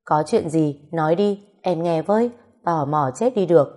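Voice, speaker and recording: A woman's voice: low voice, normal speed, mellow. A woman voicing a playful young mother who teases and wheedles in a storybook reading. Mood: wheedling. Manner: teasing, wheedling, cajoling.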